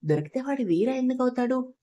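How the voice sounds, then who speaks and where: A woman's voice: high-pitched, lively intonation, quick pace, mellow. A woman voicing a stern, blunt young gangster husband in a storybook, curt and matter-of-fact.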